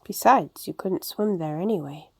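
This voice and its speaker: A woman playing a worried male muskrat from a storybook. He speaks sadly and mournfully. The tone is mellow and a little low, in a dry, close recording. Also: moderate pace, slightly rough, dry recording. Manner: mournful, sad.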